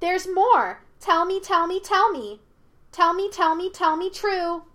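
A woman voices a mischievous, childlike monkey spirit in a story. Her voice is high-pitched, a little slow and a bit bright. She sounds petulant and mocking, teasing in a sing-song way.

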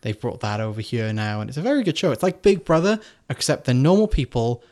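A man's voice: mid-range voice, sing-song, fast talker, a little mellow. A man co-hosting a podcast, chatting casually with lots of fillers and self-corrections. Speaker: podcast co-host. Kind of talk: casual chat.

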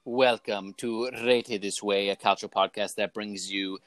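A young man hosting a casual podcast, talking in a relaxed, rambling way with many fillers. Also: lowish voice, measured pace, no echo. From Canada. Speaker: podcast host. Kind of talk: casual chat.

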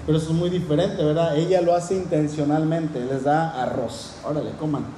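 Earnest male preacher, soft warm tone, sermon delivered in a reverberant hall with faint room hum. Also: a little high, fairly even intonation, normal speed. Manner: earnest, addresses congregation with rhetorical questions. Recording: roomy echoing hall.

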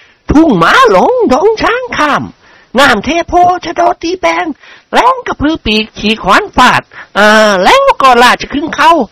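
A man voicing a genteel, teasing middle-aged noblewoman who speaks in a lively, coquettish way. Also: very high-pitched, unhurried, dry recording, pitched above the performer's own voice, full character voice. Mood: coy. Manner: lively, coquettish, polite particles.

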